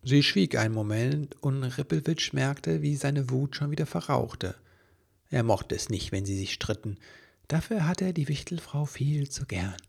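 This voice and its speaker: Male narrator for a children's story; lively read, gravelly, husky tone. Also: medium pitch, moderate pace. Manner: lively reading with voices for the characters. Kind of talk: storybook reading.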